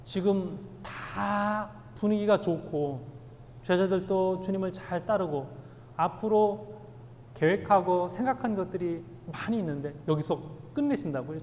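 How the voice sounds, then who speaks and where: Brief: male pastor preaching, high voice, emphatic, long reverb of a large hall. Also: a little hiss or hum. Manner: emphatic, swings from loud stresses to hushed asides. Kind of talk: sermon. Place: church sanctuary.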